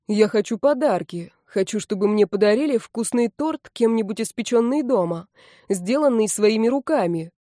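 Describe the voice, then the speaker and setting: A woman voicing a drunk, childish young man who whines slowly and pleads like a small boy, in a storybook reading. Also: a little high, expressive, dark tone, no room sound, studio quality, natural voice. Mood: dreamy. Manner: slow, whining, babyish pleading.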